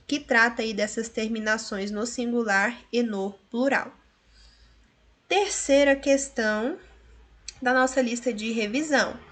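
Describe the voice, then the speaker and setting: A woman's voice: on the high side, a bit bright. A woman teacher with a Brazilian Portuguese accent, going through a revision list in a recorded lesson, drawing out words and checking in with tag questions.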